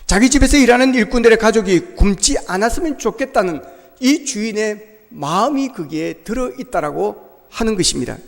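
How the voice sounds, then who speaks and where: A man's voice: high voice, lively intonation, fairly quick, gravelly, in a large hall. A male pastor preaching a sermon in a church, making his points with emphatic rhetorical questions.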